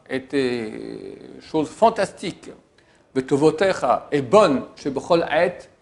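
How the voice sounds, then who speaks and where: A man's voice: on the high side, creaky. A male rabbi teaching a prayer, reading Hebrew phrases one by one and translating each into plain speech, stressing key words. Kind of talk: religious lesson, line-by-line translation.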